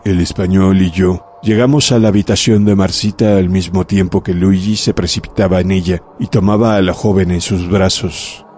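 Deep-voiced man narrating a horror story. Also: warm tone. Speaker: audiobook narrator.

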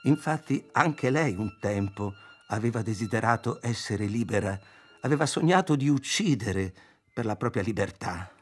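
A man reading a novel aloud as the narrator, in a measured, even delivery. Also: fairly low pitch, husky. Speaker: audiobook reader. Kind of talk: scripted literary narration.

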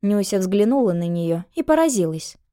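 A woman narrating an audiobook in a calm, even storytelling voice. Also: mid-range voice, moderate pace.

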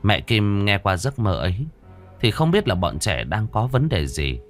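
A man narrating a horror story, dramatic and expressive. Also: on the low side, a little slow, soft background music.

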